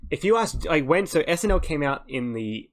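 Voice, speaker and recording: A man's voice: on the high side, animated, fairly quick. A tired young man co-hosting a podcast, rambling through stories in casual chat and laughing at his own jokes. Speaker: podcast co-host.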